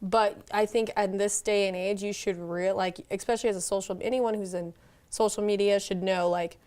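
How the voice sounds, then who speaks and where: A woman's voice: mid-range voice, steady tone, moderate pace, a little mellow. A young woman in a casual student sports panel discussion, chatty and full of fillers. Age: young adult.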